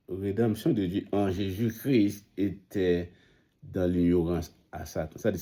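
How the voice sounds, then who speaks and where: A deep-voiced man preaches. He speaks slowly, halting and restarting his phrases. His tone is very dark and mellow. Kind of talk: sermon.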